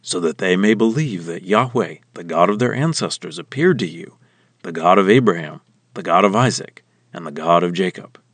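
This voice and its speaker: A man voicing a stern, commanding male god in a slow, weighty scripture reading. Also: low-pitched, lively intonation, fairly bright tone, dry recording, voice pushed down.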